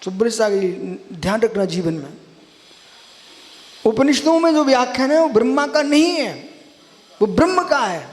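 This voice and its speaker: A man's voice: extremely high pitch, big pitch swings, moderate pace, pauses often. A man giving a religious sermon, repeating key phrases for emphasis and calling on his listeners as friends. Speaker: Jain monk preacher. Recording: long hall reverb.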